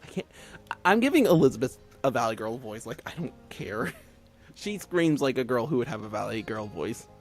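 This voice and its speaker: A man's voice: medium pitch, very animated, a little fast, darkish tone, soft background music. A man streaming a story game, reading it aloud with giggly, chatty asides.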